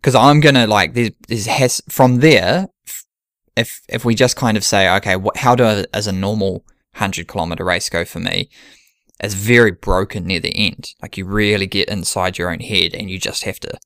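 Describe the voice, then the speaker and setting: Low-voiced man thinking aloud. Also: fairly even intonation, moderate pace, a bit bright, dry recording, studio quality. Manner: thinks aloud with restarts and fillers. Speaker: ultrarunner planning a race. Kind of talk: casual podcast chat.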